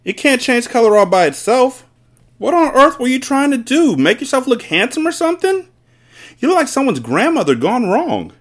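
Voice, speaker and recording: A shrill middle-aged mother from a storybook, acted out by a man. The voice sits high and swings widely in pitch. She exclaims and scolds her husband with open scorn. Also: expressive, a little fast, hardly any pauses. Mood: shrieking outrage.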